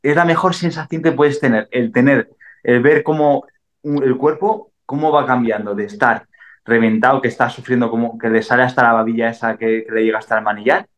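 A man's voice: medium pitch, fairly even intonation, brisk. A man from Spain, a mountain bike racer, chatting as a guest in a casual podcast interview, rambling with many restarts. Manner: rambling, full of restarts and laughs.

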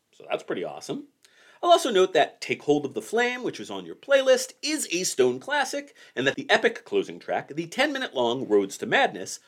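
A man in his forties hosting a podcast, telling a band's history in a wry, joking way. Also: a little high. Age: 40s. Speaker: podcast host. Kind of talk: casual podcast chat.

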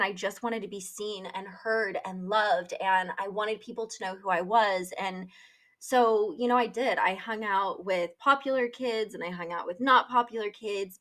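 A woman's voice: mid-range voice, fairly bright tone. A woman hosting a podcast, telling a personal story in a casual, candid way, swearing freely with plenty of fillers. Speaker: podcast host.

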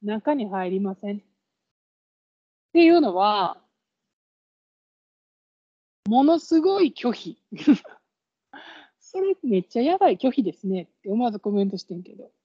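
A woman's voice: medium pitch, big pitch swings, a little slow, long pauses, warm tone, slightly rough, no room sound. A woman with a Kansai accent co-hosting a casual podcast chat, explaining with examples and laughing often. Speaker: podcast co-host. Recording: dull lo-fi podcast audio.

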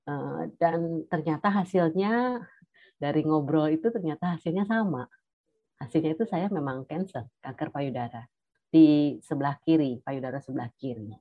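Middle-aged woman, low voice, halting personal testimony, dull dry recording. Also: no echo. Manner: hesitant, many pauses and fillers. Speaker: cancer survivor sharing her story.

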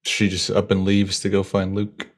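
A man's voice: low voice, monotone, normal speed. A man co-hosting a casual film chat, wry and jokey, laughing often. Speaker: podcast co-host.

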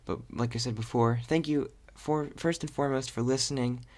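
A man's voice: mid-range voice, fairly even intonation, normal speed, a little mellow. A young man hosting a podcast in casual chat, rambling and hesitant with lots of fillers. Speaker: podcast host.

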